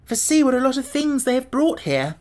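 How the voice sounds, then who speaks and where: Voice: sits high, very animated, brisk, darkish tone, voice pushed up. A reader voicing an eager young boy adventurer who gives commands in a raised, urgent voice. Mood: insistent. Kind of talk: audiobook character voice.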